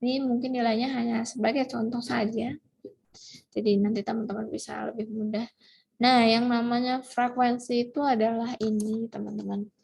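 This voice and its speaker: A woman's voice: on the high side, flat delivery, normal speed, vocal fry, a little mellow, husky. A woman lecturer giving a recorded online lesson, explaining step by step with many fillers and restarts. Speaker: university lecturer.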